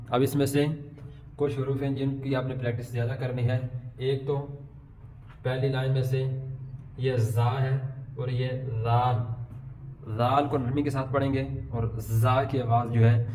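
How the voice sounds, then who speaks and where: A middle-aged man teaches letter sounds to beginners at an ordinary mid pitch. He explains patiently and slowly stretches each example letter so learners can copy it. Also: level tone, a little mellow, slight background noise. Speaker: Quran pronunciation teacher. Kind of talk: Urdu alphabet lesson.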